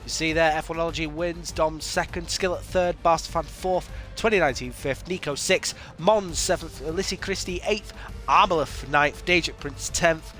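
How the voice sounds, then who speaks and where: A male race commentator with a high, bright-sounding voice calls a sim race live, getting excited and loud as the leaders fight for position. He also chats offhandedly with his live viewers, his voice strained from coughing, while faint music plays in the background. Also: normal speed. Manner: excitable, rising to shouts at big moments; chatty and offhand with live chat between calls.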